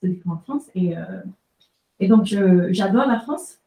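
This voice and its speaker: A woman's voice: mid-range voice, animated, moderate pace, warm tone. Distant, echoey Canadian woman asking a question. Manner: rambling, hesitant questioning. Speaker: audience member asking a question. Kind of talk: asking a question at a book talk. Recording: echoey room, distant from the mic.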